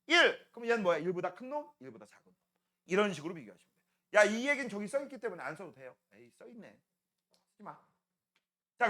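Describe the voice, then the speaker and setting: Lively high-voiced male science teacher. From Korea. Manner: chatty, asks students quick questions and answers them himself; acts out playful voices in jokes. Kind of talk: classroom lecture.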